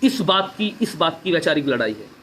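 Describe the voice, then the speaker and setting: A man speaks with fervour on a live stream, his voice sitting high, and he drives each point home by saying it twice. A faint hiss of noise runs under him. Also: big pitch swings, moderate pace, fairly bright tone. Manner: emphatic, repeats key phrases. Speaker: political speaker on a social media live stream. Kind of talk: impassioned live-stream address.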